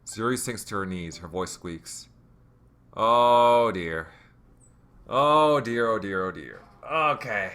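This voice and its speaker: A man's voice: fairly low pitch, animated, takes it slowly, bright, forceful tone. A man hosting a let's play, giving emotional, rambling commentary full of fillers. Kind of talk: game commentary.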